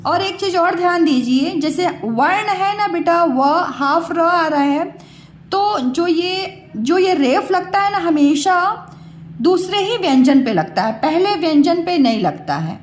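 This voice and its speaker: A woman's voice: extremely high pitch, animated. A woman teaching Hindi spelling, patiently explaining and repeating words as she questions her pupils. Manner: slow, repeats words and asks the class questions. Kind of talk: patient classroom explanation to children. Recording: echoey room.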